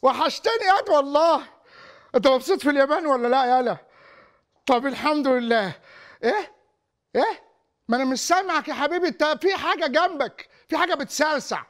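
A man's voice: very high voice, lively intonation, fast, fairly bright tone. A playful Egyptian father. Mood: joking. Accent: Egyptian Arabic. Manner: playful, teasing. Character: joking Egyptian father on the phone.

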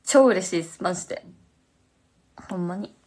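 A woman's voice: on the low side, expressive, moderate pace, noisy background. A young woman with a Fukuoka accent chatting casually on a phone livestream, slangy and answering viewer comments. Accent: Fukuoka Japanese.

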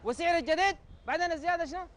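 A man's voice: very high voice, fairly bright tone. A man with a Sudanese accent playing an argumentative customer in a comedy sketch, lecturing a shopkeeper about prices. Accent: Sudanese Arabic. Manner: argumentative, lecturing, rapid insistent. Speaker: comic actor playing a customer.

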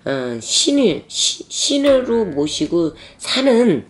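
무속인인 중년 여성이 캐주얼하게 경험담을 들려주며 대사를 흉내 낸다. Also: female voice, mid-range voice, takes it slowly. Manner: lively retelling with acted quotes. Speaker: shaman storyteller. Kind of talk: casual storytelling.

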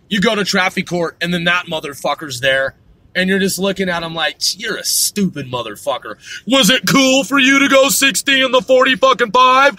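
Driving down the road, a male podcast host rants and swears nonstop in a high-pitched, bright, forceful voice.

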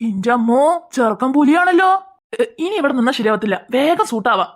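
A woman voicing a calm, sensible young father in a cartoon who talks in a firm, level-headed way. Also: high-pitched, a little fast.

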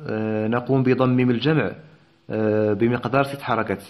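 A man teaching Quran recitation rules, explaining each point briskly with short filler pauses and occasional throat-clearing. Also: medium pitch, fairly even intonation. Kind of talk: tajweed lesson explanation.

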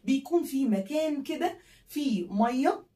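A woman's voice: high voice, expressive, moderate pace, warm tone, recorded from a distance. A woman with an Egyptian Arabic accent teaching English vocabulary to children, spelling words letter by letter and repeating them for pupils to say after her. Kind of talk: classroom vocabulary lesson. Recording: echoey room, voice a bit off-mic.

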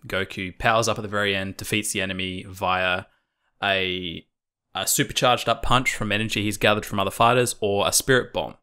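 A man's voice: on the low side, fairly even intonation, a little fast, bright, forceful tone, smooth. A man co-hosting a podcast, chatting casually and enthusiastically, with loose and casual swearing. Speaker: podcast co-host.

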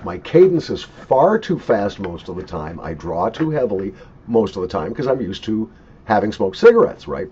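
Husky, animated older man, lo-fi sound. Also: on the low side, moderate pace. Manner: animated, opinionated, emphatic. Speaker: pipe tobacco reviewer. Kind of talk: casual unscripted product review. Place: small cluttered home office, indoors. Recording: dull lo-fi webcam sound.

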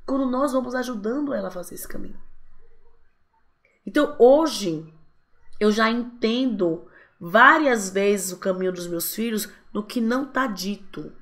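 Brazilian woman in her 30s giving a live talk, kinda high-pitched, acts out bits. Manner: expressive, acts out parents' voices. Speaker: speaker on parenting.

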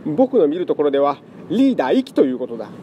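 A man voicing a fussy, excitable scholar cat who lectures pompously. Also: on the high side, fast talker, slight background noise. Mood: excited.

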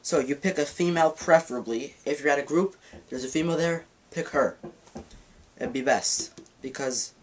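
This magic teacher's voice is on the high side and moves at normal speed, captured in a rough recording with a bit of hiss or hum. He rambles and self-corrects through a casual card-trick lesson, demonstrating at a table in a dim room.

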